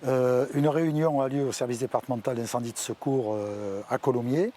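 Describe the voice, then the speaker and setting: A male fire officer recounts what he witnessed in a mid-range voice. His phrasing is halting, with words repeated as he goes. Faint ambient vehicle noise sits behind him. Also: medium pitch, fairly even intonation, dark tone. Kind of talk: recounting a testimony.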